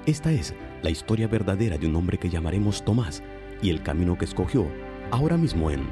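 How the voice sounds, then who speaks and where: A man with a very deep voice narrates a religious radio program in a solemn, measured way. Music plays steadily under his words. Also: big pitch swings.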